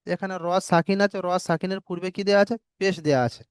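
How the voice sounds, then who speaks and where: A man's voice: high-pitched, steady tone, fast, smooth, no echo, studio quality. A man teaching Quran recitation rules in a lesson, patiently spelling out letters syllable by syllable and checking that students follow. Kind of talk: online tajweed lesson.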